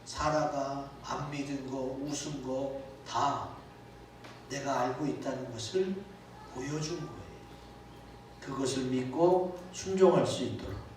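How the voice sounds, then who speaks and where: A man's voice: medium pitch, unhurried, a little mellow. A pastor preaching a sermon in a church, talking conversationally and asking his listeners rhetorical questions. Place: church sanctuary. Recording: echoey church hall from far off with faint noise.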